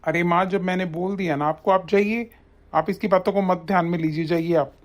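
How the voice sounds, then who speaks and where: A woman voicing a harsh, bullying young husband in an animated story, scolding and threatening. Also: lowish voice, a little fast, natural voice. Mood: soothing.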